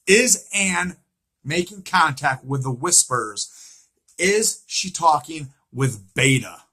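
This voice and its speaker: Taking his time, a man offers expressive, informal fan commentary in a slightly high voice that is forceful and roughly husky. The recap is emphatic and full of repetition and rhetorical questions.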